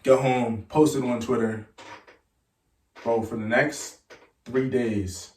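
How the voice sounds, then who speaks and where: A man's voice: mid-range voice, takes it slowly. A young man, a college football player, telling stories in casual talk as a podcast guest and acting out the voices of the people in them. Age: young adult. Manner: animated, acts out voices in his stories. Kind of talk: casual storytelling. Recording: roomy echo, mic at a distance.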